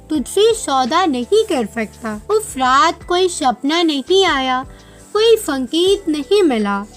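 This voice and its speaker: A woman narrating a devotional story in a solemn, measured way, with faint music behind her. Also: very high voice, a bit bright. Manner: slow, solemn, measured delivery. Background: faint background music.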